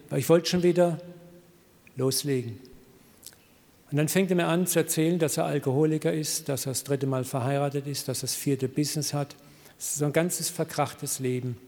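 Gravelly German pastor preaching in a hall. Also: male voice, medium pitch. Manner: lively storytelling with English quotes translated into German. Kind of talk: sermon with personal story.

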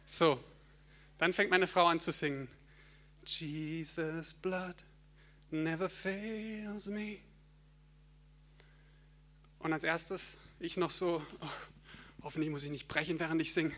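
A young man tells his testimony to a church audience. His voice sits high and sounds bright and forward. He tells the story vividly, laughs at himself and sometimes sings short bits of hymns. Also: fairly even intonation, moderate pace. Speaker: church speaker sharing a testimony. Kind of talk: personal testimony in a church talk.

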